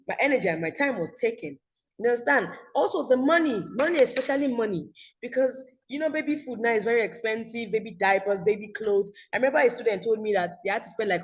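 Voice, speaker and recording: A woman's voice: medium pitch, poor audio. A young Nigerian woman teaching an online school class, chatty, often checking "you understand?".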